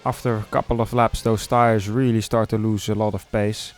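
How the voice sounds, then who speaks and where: A man giving live motorsport commentary on sim racing, conversational and hesitant between bursts of excited calls. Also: lowish voice, moderate pace, soft background music.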